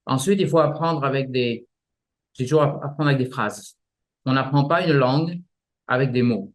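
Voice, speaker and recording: Male martial arts teacher, halting, vivid examples, guest interview. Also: mid-range voice. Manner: halting, many restarts, explains with images. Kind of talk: casual explanatory interview.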